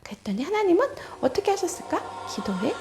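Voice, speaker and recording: A woman's voice: extremely high pitch, very animated, fairly quick, music in the background. A woman evangelist giving a children's sermon, telling the story with animation and asking the children questions.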